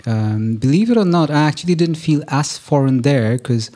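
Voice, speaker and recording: Candid man a mellow, dark voice. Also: on the high side, lively intonation, moderate pace. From India. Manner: candid and profane, self-deprecating, many fillers. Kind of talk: casual conversation.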